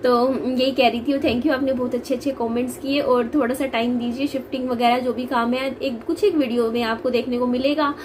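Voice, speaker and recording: A young woman with a high, bright voice talks chattily to her viewers in a casual family vlog, often breaking into laughter between loose, hesitant sentences. A faint hiss of background noise sits under her voice. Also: steady tone, brisk, hardly any pauses. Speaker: vlogger.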